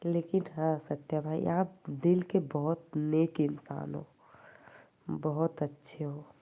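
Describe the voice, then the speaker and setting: A woman's voice: low-pitched, level tone, slow, vocal fry, warm tone. A woman with an Awadhi accent hosting a live stream, chatting casually with viewers, teasing them and laughing often.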